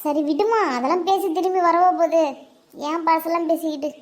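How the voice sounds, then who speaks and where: A woman voicing a timid, long-suffering village mother in a cartoon, soft and resigned. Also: very high voice, steady tone, fairly quick. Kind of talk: Tamil cartoon voice acting.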